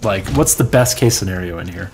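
A man co-hosting a let's play, teasing his friend with joking, animated banter. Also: deep voice, fairly quick, soft background music. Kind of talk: casual gameplay banter.

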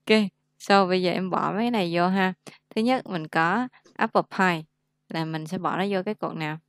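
A woman's voice: lowish voice, fairly quick, clean tone, no echo, studio quality. A young woman teaching an English lesson on a video call, chatty and laughing often, mixing English words into her explanations. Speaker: English tutor. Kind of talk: casual online lesson.

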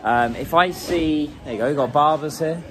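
A man's voice: on the high side, normal speed. An English man in his thirties chatting casually as he walks through a market, filming on a phone at arm's length. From England. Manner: chatty, rambling, laughs often. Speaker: vlogger. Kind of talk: casual walking vlog. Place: busy indoor food market. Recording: noisy crowded market ambience. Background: crowd chatter and market noise.

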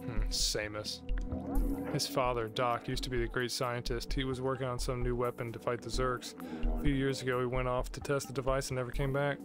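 A man's voice: mid-range voice, little pitch movement, a little fast, loud music behind the voice. A man hosting a gaming video, reading the game's dialogue aloud as he plays. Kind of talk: reading game dialogue aloud during let's play.

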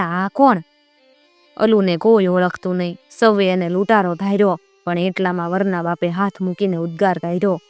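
A woman storyteller with a Kathiyawadi accent recounts a heroic folk legend. Her telling is vivid and dramatic, in a mid-range voice. The recording is dry and close, with soft music underneath. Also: fairly low pitch, dry recording. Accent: Kathiyawadi Gujarati. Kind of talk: dramatic folk tale narration.

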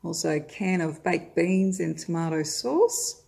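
Indoors at her table of groceries, an Australian vlogger in middle age shoots her haul from overhead on her phone, friendly and chatty with frequent "uh"s. Her lowish, darkish voice has vocal fry and a slightly slow pace, and there's a little hiss or hum.

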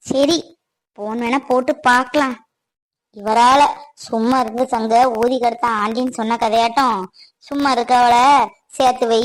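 A woman's voice: a little high, lightly acted, poor audio. A woman doing a fretful young wife. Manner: fretting, thinking aloud. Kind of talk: cartoon voice acting.

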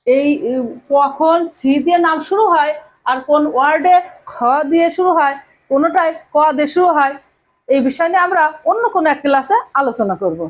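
A woman's voice: high voice, lively intonation, fairly quick. A woman from Bangladesh teaching vocabulary to her students, repeating each word and quizzing them as she goes. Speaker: English teacher. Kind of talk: vocabulary lesson addressing students.

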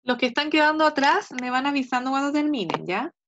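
Patient Chilean teacher on a dull video call. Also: female voice, sits high, animated, noisy background. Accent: Chilean Spanish. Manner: patient, drawn-out explaining to small children. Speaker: first-grade teacher. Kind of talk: online class lesson.

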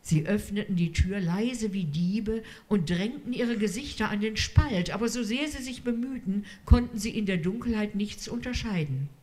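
A woman reading a literary story aloud in a measured storytelling manner. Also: medium pitch, darkish tone. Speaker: reader.

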